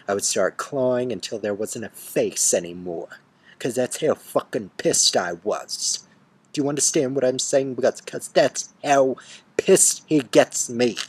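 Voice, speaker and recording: A man telling a bitter story in an angry rant, swearing and swinging from hushed seething to loud outbursts. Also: medium pitch, slightly rough. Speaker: storyteller ranting to camera. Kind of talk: angry first-person rant.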